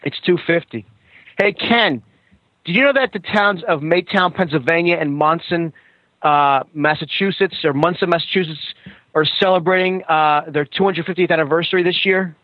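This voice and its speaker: A man co-hosting a podcast who calls in over a poor phone line that sounds like a payphone, asking deadpan questions and repeating his host's name before each one. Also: on the high side, normal speed, no room sound. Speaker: podcast co-host. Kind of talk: deadpan running gag chat. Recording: dull lo-fi phone call.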